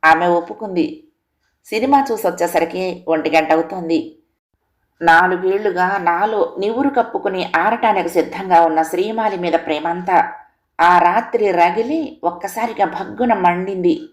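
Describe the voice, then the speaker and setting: A woman storyteller reads a literary tale aloud, steady and composed. Her voice sits somewhat low for a woman, and her delivery is measured and even. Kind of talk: scripted audio story narration.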